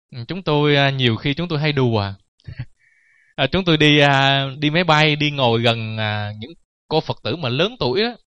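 Joking Buddhist monk, higher male voice. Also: a bit bright, no room sound, highs cut off. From Vietnam. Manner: joking, anecdotal, laughs at his own stories. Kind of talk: dharma talk sermon.

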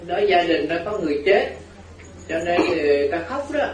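A man's voice: high-pitched, big pitch swings, moderate pace. A man voicing a polite, cautious lay Buddhist householder, recorded in an echoey hall with a crowd.

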